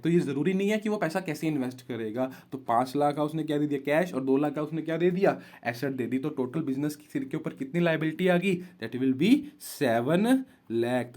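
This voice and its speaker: A man's voice: fairly high pitch, a little mellow. A man teaching an accounting class, asking the class questions and answering them himself, mixing English terms into Hindi. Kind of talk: classroom lecture.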